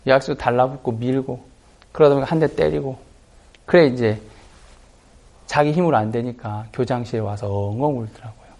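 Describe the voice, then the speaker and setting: A man's voice: mid-range voice, fairly quick, long pauses, a little mellow. A middle-aged man, a pastor and school principal, preaching with stories and acting out the voices of students in dialogue. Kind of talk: sermon with storytelling.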